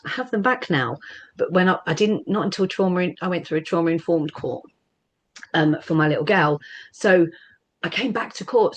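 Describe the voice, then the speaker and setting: A woman speaking earnestly as a parent about her own experience of family court, with emphatic repetition and a plain conversational manner. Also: fairly low pitch. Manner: earnest, emphatic, repeats phrases. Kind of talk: personal testimony at a panel.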